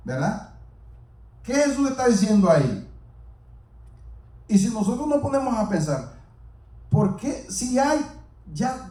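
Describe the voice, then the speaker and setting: A man's voice: high voice, mellow. A man preaching a sermon, speaking earnestly and repeating himself as he addresses the congregation directly. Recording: roomy echo, mic far off.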